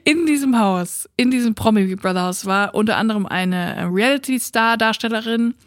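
A woman's voice: on the high side, brisk, no room sound, studio quality. A woman casually retelling a funny story on a podcast, acting out quotes and laughing often. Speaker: podcast co-host.

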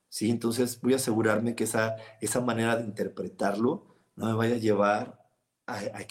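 A middle-aged man with a Mexican accent hosting a live advice program, explaining patiently and often repeating himself as he restarts phrases. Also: fairly low pitch. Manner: calm and explanatory, with frequent repetitions and restarts. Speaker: reader giving private readings. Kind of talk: reflective advice talk, reading viewer comments.

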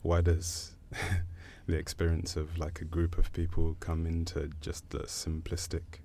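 A poet from Zambia speaking thoughtfully in a panel conversation, pausing often. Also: male voice, sits low, monotone, gravelly, warm tone, slight background noise. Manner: thoughtful, hesitant, many pauses.

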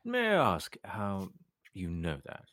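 Man acting a low, sardonic British RP army captain. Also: huge pitch swings, fairly bright tone, dry recording, clean studio sound, exaggerated voice. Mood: coolly probing. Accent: modern British RP. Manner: formal, measured, sardonic. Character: suave, menacing male army captain, coldly polite interrogator.

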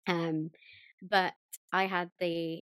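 A woman's voice: lowish voice, flat delivery, very slow, fairly bright tone, no echo, studio quality. A woman hosting a self-development podcast, reading a scripted guest introduction and then chatting. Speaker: podcast host. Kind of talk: podcast interview.

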